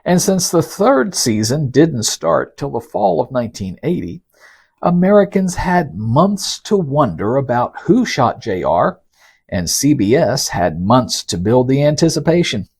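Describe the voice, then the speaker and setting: A podcast host and narrator tells scripted stories in a folksy, conversational style, reading quotes and teasing the listener with asides. His medium-pitched voice is very animated yet unhurried, creaky, husky, and a little mellow.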